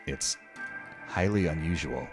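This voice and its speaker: Guy doing a quiet creepy inspector thing, low murmur, slow and deep. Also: music in the background. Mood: reserved. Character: quiet, brooding otherworldly male inspector.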